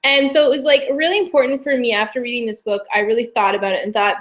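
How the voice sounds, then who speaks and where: A woman co-hosting a casual book club live stream, enthusiastic and quick to laugh. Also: fairly high pitch, steady tone.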